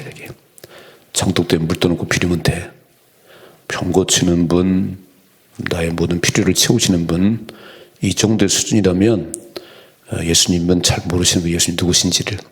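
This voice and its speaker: A man's voice: sits low, fairly even intonation, brisk. A man preaching an early-morning prayer sermon as pastor, earnest, lifting his voice when he acts out quoted lines.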